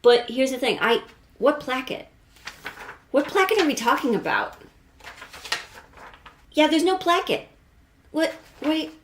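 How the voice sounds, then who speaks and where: In a laid-back craft vlog, a woman who makes sewing videos talks through her project with self-deprecating humor and casual cursing. She has a high, very animated voice, speaks unhurriedly and leaves long pauses.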